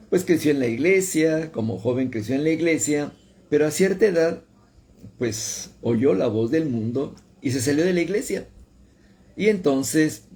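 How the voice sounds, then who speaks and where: A man's voice: medium pitch, mellow. A man preaching a radio sermon, telling a story and repeating phrases for emphasis. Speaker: pastor.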